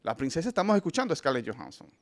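Emphatic, slightly high-voiced male host. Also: sing-song, racing. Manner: emphatic, addresses listeners directly, frequent restarts. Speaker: film review show host. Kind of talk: opinionated casual commentary.

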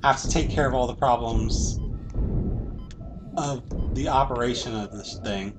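A man's voice: medium pitch, a little slow, over music. A man giving casual commentary over his own video game playthrough, swearing freely. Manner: frequent swearing.

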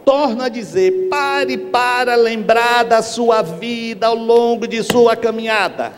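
A man's voice: very high-pitched, slow. A middle-aged man giving a spiritual lecture on a stage, telling stories and acting out the people in them. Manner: lively storyteller, acts out characters. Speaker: spiritist speaker. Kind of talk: lecture with acted anecdotes. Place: large hall on a stage. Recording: echoey hall, faint background hiss.

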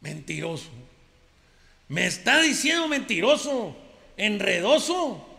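A man's voice: high-pitched, big pitch swings, takes it slowly, gravelly, bright, forceful tone, long reverb tail, exaggerated voice. A Mexican man playing a boastful, henpecked macho ranchero who rambles through defensive denials. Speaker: comedian.

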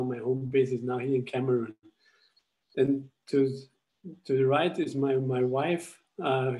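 A young Austrian man, a charity founder, presents a school project in a webinar, walking listeners through slides on a video call from indoors at home. His mellow, warm, medium-pitched voice comes through a laptop webcam with rough recording quality, and he speaks haltingly, often restarting phrases while searching for words.

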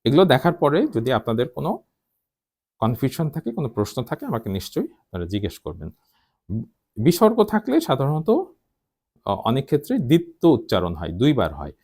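A male teacher giving a spoken pronunciation lesson, breaking words into syllables with deliberate care. His voice sits at a middle pitch but moves up and down in a lively, animated way as he explains. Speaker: Bengali language teacher.

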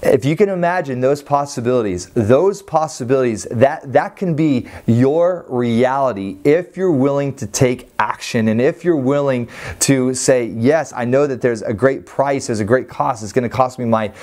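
A man's voice: medium pitch, normal speed, darkish tone. A man in his thirties, a ministry school leader, urging viewers earnestly to take action in a promotional talk to camera. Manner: earnest, urging, gestures while talking. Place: indoor living-room style set. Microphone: lapel mic.

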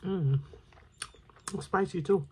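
A woman's voice: lowish voice, slow, mellow, a little hiss or hum. A woman chewing food as she talks casually between bites in an eating vlog. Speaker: mukbang vlogger.

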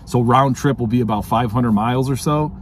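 An Ohio man in his thirties vlogs casually in his home garage and parked car, holding the camera at arm's length and cracking self-mocking jokes. His mid-range voice is brisk, with a slight hiss or hum on the recording.

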